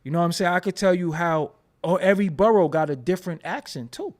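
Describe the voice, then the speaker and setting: Here a commentary vlogger from the New York mold speaks quickly in a high, expressive voice. His talk is casual, loose and profane, punctuated by frequent "you know what I'm saying" checks.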